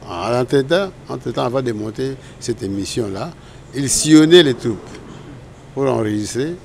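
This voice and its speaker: A man's voice: mid-range voice, expressive, normal speed, creaky, slight background noise. An older man from Congo, a guest in an interview, telling his story in a rambling way and often correcting himself. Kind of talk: casual interview recollection.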